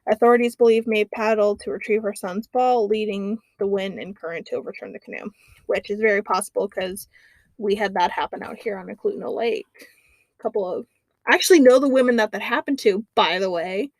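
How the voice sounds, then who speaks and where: A woman's voice: medium pitch, no room sound. Podcast lady reading off her notes, lots of ums, dry close mic. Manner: chatty, fills pauses with "um". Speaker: podcast co-host. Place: lives near an Alaskan lake.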